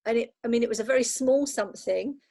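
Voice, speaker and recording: A woman's voice: fairly high pitch, mellow, no echo. Woman chatting from her bedroom, dead dry sound, keeps saying absolutely. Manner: agreeable and reflective, quick to affirm with "absolutely". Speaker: virtual assistant, guest. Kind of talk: casual chat. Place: bedroom at home.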